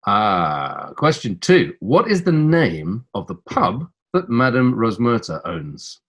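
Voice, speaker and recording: A man's voice: medium pitch, big pitch swings, takes it slowly, a bit bright, breathy edge. A middle-aged man co-hosting a quiz, reading answer options with teasing relish. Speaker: quiz co-host.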